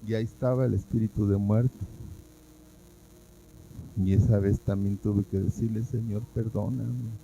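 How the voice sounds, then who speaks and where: A man's voice: lowish voice, steady tone, moderate pace, long pauses, dark tone, lo-fi sound, a little hiss or hum. A man, a pastor giving a sermon at a church service, telling his own testimony with feeling and acting out what he once said. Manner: emotional storytelling, acting out his own past words.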